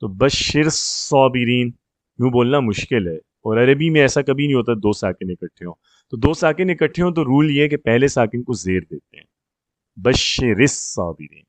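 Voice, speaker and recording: A man's voice: mid-range voice, lively intonation, a little mellow, no echo. Patient man tutoring grammar, dry sound. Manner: explains step by step, checks understanding often; slows down to spell out example words. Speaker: Arabic grammar teacher.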